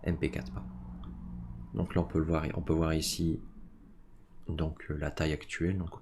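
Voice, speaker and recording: A man casually talking through a screen-recorded software tutorial, filling his talk with little fillers. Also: extremely low pitch, little pitch movement, normal speed, vocal fry, background noise. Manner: casual, full of "donc" and "hein" fillers. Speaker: tech tutorial host.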